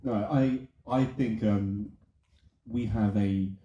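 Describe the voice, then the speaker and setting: A man's voice: fairly low pitch, fairly even intonation, slow, warm tone, lo-fi sound, a little hiss or hum. A man on a film panel answering with enthusiasm, rambling a little as he goes. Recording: echoey room.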